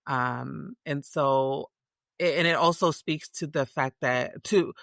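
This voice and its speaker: A woman's voice: sits low, slow, creaky, a bit bright, no room sound. Reflective Tongan-born woman, dry sound. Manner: reflective, many restarts and fillers. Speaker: guest. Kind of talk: casual interview conversation.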